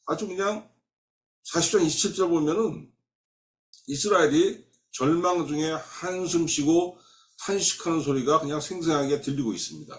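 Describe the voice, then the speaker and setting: A man preaching a Sunday sermon as pastor, emphatic, acting out quoted voices and dropping suddenly to soft. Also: a little high, moderate pace. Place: church sanctuary. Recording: roomy church sanctuary sound.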